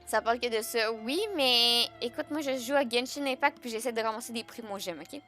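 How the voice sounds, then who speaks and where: A woman's voice: on the high side, a little fast, sharp tone, soft background music. Joking Québécois woman streaming live. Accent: Québécois French. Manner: joking, chatty, laughs often, answers chat. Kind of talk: casual live-stream chat.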